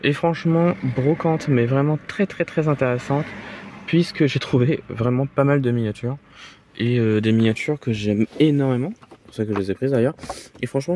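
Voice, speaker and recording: A man talks casually to the camera at a middle pitch, stopping often and filling the gaps with ums and repeated words. Faint background noise sits under his voice. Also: mellow. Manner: halting, filler-heavy, repeats "très, très" and "voilà". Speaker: vlogger showing model car finds. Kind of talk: casual vlog commentary. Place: flea markets and indoors at home.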